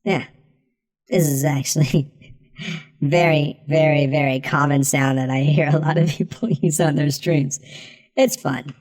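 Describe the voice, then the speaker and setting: Man through a munchkin pitch-up effect. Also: fairly even intonation, a little slow, darkish tone. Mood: amused. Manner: casual, chuckling demo talk. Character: sped-up munchkin-style male voice. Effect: high pitch-shift voice effect. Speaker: streamer demoing gear.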